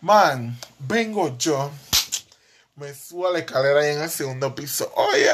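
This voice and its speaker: A young man hosting a podcast, telling comic stories about himself in an animated, profane, self-mocking way and often breaking into laughter. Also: a little high, moderate pace. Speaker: podcast host. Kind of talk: comic storytelling monologue.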